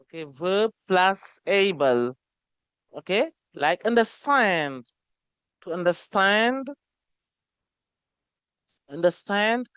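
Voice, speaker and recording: Slow, careful woman teaching English. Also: medium pitch, animated, fairly bright tone, clean tone, no echo. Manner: slow, repeats each word, says okay often. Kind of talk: classroom grammar lesson.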